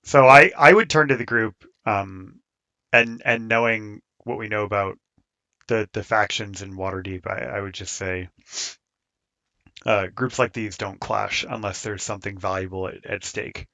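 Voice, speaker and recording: A man's voice: fairly low pitch, normal speed, bright, forceful tone, dry recording. A man playing a tabletop game, speaking eagerly. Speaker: player.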